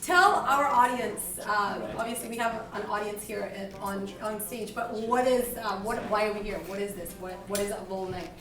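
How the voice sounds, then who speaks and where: A woman's voice: mid-range voice, normal speed, hardly any pauses, crowd noise. Upbeat woman host, echoey room. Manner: upbeat and encouraging, lots of "uh" fillers. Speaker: podcast host. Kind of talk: live on-stage interview. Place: event venue with live audience. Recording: echoey venue, distant mic.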